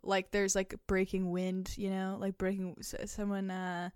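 A woman's voice: mid-range voice, unhurried, smooth, dry recording. Laughing woman podcast host, dry close mic. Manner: laughs often, animated reading, filler likes. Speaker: podcast co-host reading listener stories. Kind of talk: casual podcast chat.

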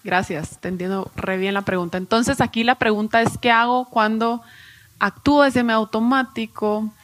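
A woman's voice: on the high side, steady tone, normal speed, no room sound. A woman psychologist giving a talk at a live event, acting out little parenting examples as she explains. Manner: acts out parent and child voices in examples. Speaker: guest educational psychologist.

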